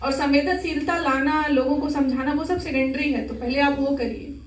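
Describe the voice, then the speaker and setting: A woman's voice: high voice, steady tone, normal speed. A young woman giving an earnest Sunday talk to a gathering, exhorting and conversational in manner. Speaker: spiritual speaker. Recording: echoey hall, mic at a distance.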